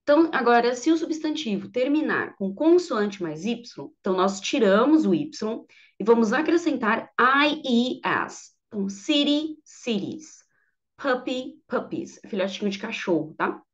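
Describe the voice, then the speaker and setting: A woman's voice: on the high side, sing-song, a little slow. A woman, teaching English grammar in an online lesson, patient and repeating each word for her students. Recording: dull lo-fi audio.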